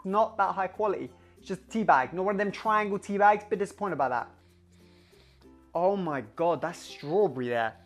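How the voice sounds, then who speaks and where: A young man chatting casually in a home video, excitable, rambling and sweary. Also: high-pitched, normal speed, faint music behind. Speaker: vlogger. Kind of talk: casual vlog chat.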